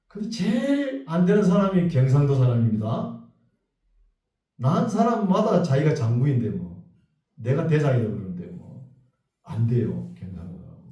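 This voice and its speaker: A male pastor giving a sermon in a church sanctuary. He reads scripture slowly, then speaks in a conversational, joking way. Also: medium pitch, dark tone. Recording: very echoey hall, voice from far off.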